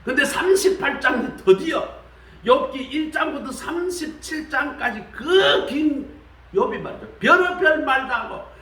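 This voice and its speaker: A man preaching a sermon in a colloquial, animated way, acting out the voices he quotes. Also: a little slow, reverberant, far from the mic, low-quality recording. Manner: animated, acts out quoted voices with shifts of pitch; colloquial, repeats "말이죠". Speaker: pastor. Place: church sanctuary.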